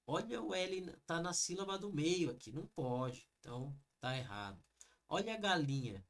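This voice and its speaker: Lively Brazilian male exam tutor. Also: fairly high pitch, moderate pace. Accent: Brazilian Portuguese. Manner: lively, explains step by step, addresses viewers as "gente". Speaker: exam prep teacher. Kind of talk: online exam review lesson.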